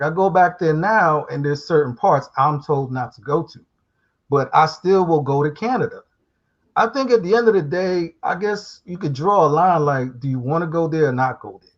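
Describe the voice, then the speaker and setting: A man from Guyana calling in to a live talk show, rambling and reflective with casual street slang. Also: a little high. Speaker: guest calling in. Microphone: remote call. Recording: muffled call audio.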